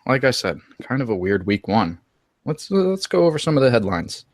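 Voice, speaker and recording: A man's voice: medium pitch, big pitch swings, fairly quick, dry recording. A young man hosting a fantasy football podcast, gloating and trash-talking his friends in theatrical, boastful banter. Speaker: podcast host.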